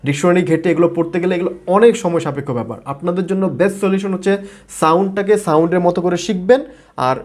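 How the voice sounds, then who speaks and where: Fast-talking male pronunciation teacher. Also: high-pitched, steady tone, darkish tone. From Bangladesh. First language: Bengali. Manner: fast, repetitive teaching with fillers and modeled words. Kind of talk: explanatory video lesson.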